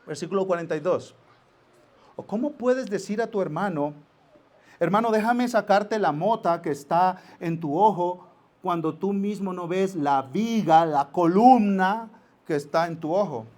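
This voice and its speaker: Pastor guy preaching, high voice, acts out little bits in his stories. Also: measured pace. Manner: lively storytelling with acted-out asides. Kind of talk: sermon.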